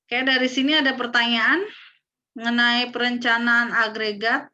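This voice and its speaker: A woman lecturer talks to her students in an online class, pausing often on fillers. Her bright voice comes through a dull, lo-fi call line that keeps breaking up and dropping out. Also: a little high, fairly even intonation. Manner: hesitant, with frequent fillers. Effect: choppy, breaking-up call audio. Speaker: university lecturer. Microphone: video call.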